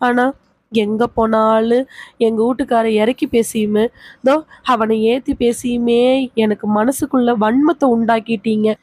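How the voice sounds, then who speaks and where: A woman's voice: a little high, fairly even intonation, a little mellow, dry recording. A woman voicing a bitter young village wife, accusing her in-laws in a storybook reading. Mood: resentful. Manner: accusing, reproachful, rapid questioning. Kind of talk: audiobook character reading.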